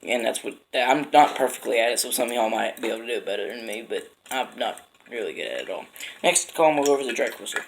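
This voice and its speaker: Casting: man, informal hobby instructor, creaky mid-pitched voice, halting explanations, noisy recording with clicks. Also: lively intonation. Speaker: instructor demonstrating duck and goose calls.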